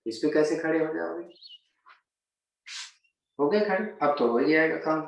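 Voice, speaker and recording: A man's voice: fairly high pitch, normal speed, vocal fry, slight background noise. Echoey yoga teacher, man. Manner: talks students through poses step by step. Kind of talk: instructing a yoga class. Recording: very echoey room, mic at a distance.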